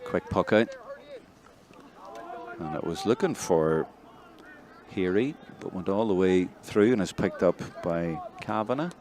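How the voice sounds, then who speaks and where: A man with a Northern Irish accent giving live play-by-play commentary, chatty between plays and excitable when a score comes. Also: low-pitched, a little slow, pauses often, crowd noise. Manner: conversational, excitable on big plays. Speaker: match commentator.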